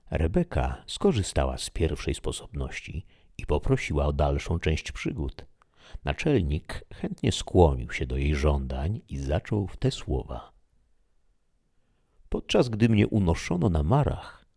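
A man reading an audiobook in a measured, even scripted narration. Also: extremely low pitch, husky. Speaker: audiobook reader.

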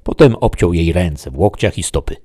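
A man reading a horror story aloud with steady, dramatic pacing. His voice sits extremely low and carries a husky, breathy grain. The delivery stays measured and scripted. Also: dry recording, studio quality.

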